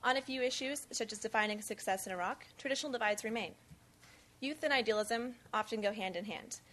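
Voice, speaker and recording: Young woman, measured scripted delivery, introduces a panel on stage, voice pitched a bit high. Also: fairly bright tone, a little hiss or hum. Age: 20s. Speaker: event speaker introducing a panel. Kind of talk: formal prepared remarks. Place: conference event on stage.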